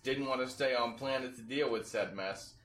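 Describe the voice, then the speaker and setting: A man playing a tabletop game, talking bluntly and casually, swearing freely and thinking out loud. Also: mid-range voice, moderate pace, reverberant, a little hiss or hum. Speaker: player. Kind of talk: casual chat.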